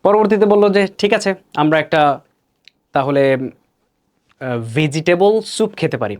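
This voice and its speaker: A man with a Bangladeshi accent teaches English pronunciation in an animated voice that sits a little high. He explains each word, then says it again slowly and carefully so the learner can imitate it.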